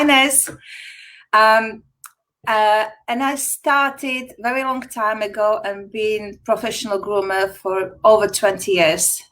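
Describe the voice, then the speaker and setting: A Slovak woman, whose first language is Slovak, chats on a video call as a guest in a casual interview; she's a retired dog groomer. Her voice is medium-pitched with a sharp tone, and she laughs often, talks freely and uses loose grammar. The audio is poor.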